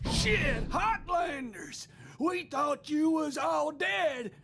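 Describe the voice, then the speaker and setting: A vicious bandit yells in a piercing, gravelly voice. The words come out slow and aggressive, as in a frontier video game, over faint rumble. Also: male voice, animated, heavily acted. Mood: alarmed, hostile. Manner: shouting, aggressive. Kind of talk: video game character acting.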